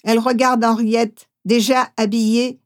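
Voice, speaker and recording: Femme qui lit tranquille un récit de souvenirs, voix haute, prend son temps. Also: female voice, on the high side, little pitch movement, a little slow. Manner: reads gently, acts out quoted voices. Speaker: audiobook reader. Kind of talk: first-person memoir narration.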